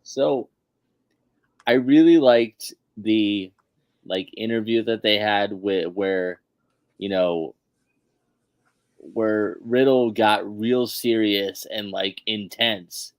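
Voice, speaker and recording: A man co-hosting a casual wrestling podcast, his voice on the low side. He talks slowly and thinks out loud, easygoing and unhurried. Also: no echo. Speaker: podcast co-host. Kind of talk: casual wrestling review chat.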